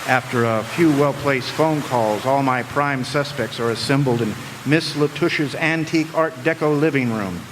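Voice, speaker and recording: A man plays a jaded, wisecracking, world-weary private detective, narrating in first person in 1940s radio noir style with sardonic slang. His mid-range voice, close to everyday speech, moves at a moderate pace with few pauses, recorded live on stage in an echoey hall with background noise.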